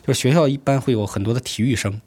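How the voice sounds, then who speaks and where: A man telling a first-person story in an unhurried, conversational way, often restarting his sentences. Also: mid-range voice, darkish tone. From rural Hebei, China.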